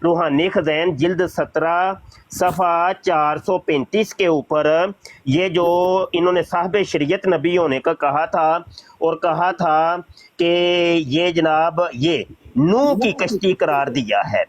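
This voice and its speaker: Slow, measured man in a debate. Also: on the high side, no room sound. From Pakistan. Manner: slow, deliberate, correcting and pressing points. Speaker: mufti debating an opponent. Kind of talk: religious debate. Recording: dull, lo-fi sound.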